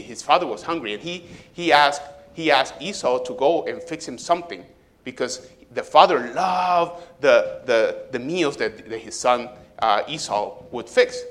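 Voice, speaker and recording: A man telling a Bible story to children during a worship service. He talks with animation and keeps asking them questions. His pitch sits in a middle register. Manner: animated, asks children questions, acts out quoted voices. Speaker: pastor giving a children's message.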